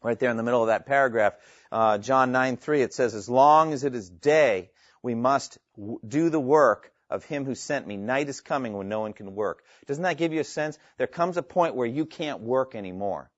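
A man's voice: mid-range voice, moderate pace, dry recording. A man teaching a classroom lecture on evangelism, earnest and emphatic, quoting scripture with rising intensity. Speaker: seminary instructor. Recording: dull, dry lo-fi classroom recording.

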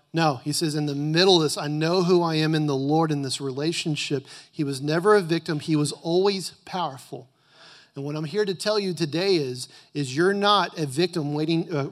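A man preaching a motivational sermon in an emphatic, exhortative manner, repeating phrases and prompting his listeners to respond. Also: a little high. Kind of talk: motivational sermon, teaching and declarations.

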